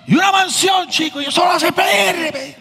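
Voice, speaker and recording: A pastor putting on a shrill older Cuban man. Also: moderate pace, vocal fry, raised voice, long reverb tail, noisy background. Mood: mocking alarm. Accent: Cuban Spanish.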